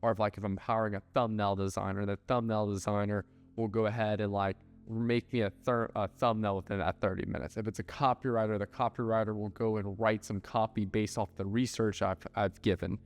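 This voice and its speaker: A man's voice: lowish voice, little pitch movement, brisk, few pauses. A man giving casual business advice, blunt and loose, with lots of filler words and the odd swear. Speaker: ad agency owner. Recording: hall reverb with faint music.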